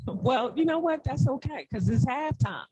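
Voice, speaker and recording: A man doing color commentary on a basketball broadcast, making relaxed, joking asides to his partner. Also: very high-pitched, unhurried, breathy edge, poor audio.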